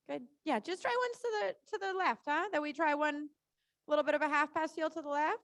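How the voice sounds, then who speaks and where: High-pitched woman coaching a riding lesson. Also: normal speed, dry recording, clean studio sound. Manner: encouraging, short repeated cues; informal, reassuring.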